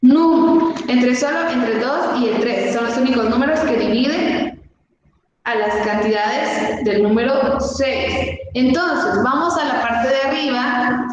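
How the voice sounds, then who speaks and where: Woman teacher over a choppy video call. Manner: slow, patient, counting out examples step by step. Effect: low-quality video call stream. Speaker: math teacher. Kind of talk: online math lesson. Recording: dull, echoey, noisy video call audio.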